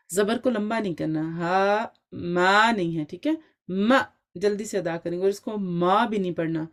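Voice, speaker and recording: Explanatory woman teaching Quran recitation online. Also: mid-range voice. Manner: explanatory, checks in often with "ٹھیک ہے؟".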